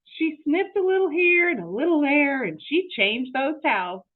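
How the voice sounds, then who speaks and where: With phone-quality sound, a woman reads a storybook to young children in a lively, teacherly style, pausing for explanations and questions to the kids. Her voice sits high and she reads at normal speed.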